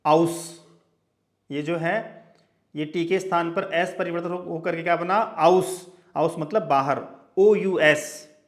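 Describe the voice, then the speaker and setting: A man's voice: on the high side, a little slow. A male teacher giving a lecture, who spells out example words letter by letter and keeps checking in with his listeners. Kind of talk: classroom lecture.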